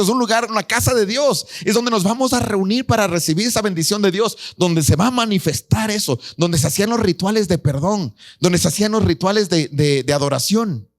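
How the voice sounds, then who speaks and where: Male pastor with a high voice, preaching an animated sermon and quizzing the congregation. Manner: animated, acts out voices of the people in the story; asks the congregation questions.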